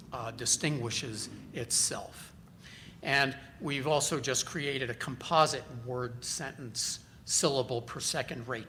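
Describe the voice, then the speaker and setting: Man giving a measured academic talk. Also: medium pitch, pushed and bright, slight background noise. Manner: measured, explanatory, with frequent fillers. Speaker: research presenter. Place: conference hall.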